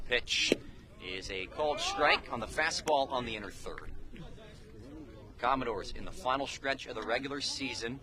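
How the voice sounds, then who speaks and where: Outdoors at a baseball game, a man calls live play-by-play for radio in clipped, telegraphic bursts. His mid-range voice sounds pushed and bright, and the recording is rough.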